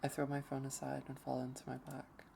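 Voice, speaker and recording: Gravelly streamer reading a visual novel aloud. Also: mid-range voice, completely flat delivery, background noise. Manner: slow, hesitant first-person reading. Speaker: let's play streamer. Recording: over game music.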